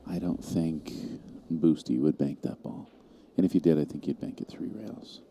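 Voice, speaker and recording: Low dark-voiced male pool commentator. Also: moderate pace, vocal fry, a little hiss or hum. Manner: calm, analytical shot-by-shot calls. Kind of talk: live sports commentary.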